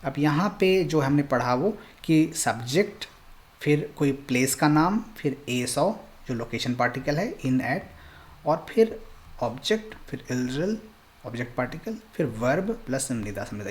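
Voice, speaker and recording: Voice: mid-range voice, sing-song, normal speed. Patient Korean teacher explaining grammar. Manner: patient, reassuring explanations, switching between Hindi and English. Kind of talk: recorded online language lesson.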